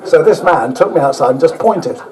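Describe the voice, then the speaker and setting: A man's voice: fairly high pitch, animated, brisk, a little mellow, poor audio. Rambling man telling stories. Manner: rambling, self-mocking, humorous, with frequent fillers and casual swearing. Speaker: speaker at an overland motorbike event. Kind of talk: anecdotal storytelling to a live audience.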